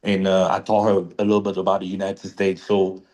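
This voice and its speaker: A man's voice: deep voice, monotone, fairly quick, a little mellow. A man from Cameroon telling his story as a guest in an interview over a video call, hesitant and plain-spoken. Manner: hesitant, simple phrasing with fillers.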